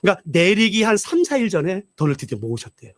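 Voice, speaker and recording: High-voiced, animated male preacher. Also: fast talker, dry recording, clean studio sound. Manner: animated storytelling, acts out voices. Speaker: pastor. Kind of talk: revival sermon.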